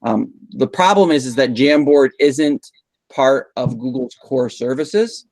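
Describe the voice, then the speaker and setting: A man leads teachers through tech tools on a video call, calm and patient, stopping often with "um." The sound is dry and close, with little room around it. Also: medium pitch, a little slow, no echo. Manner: patient, explanatory, frequent um fillers. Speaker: instructional technology trainer. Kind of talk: live online teacher training session. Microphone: video call mic.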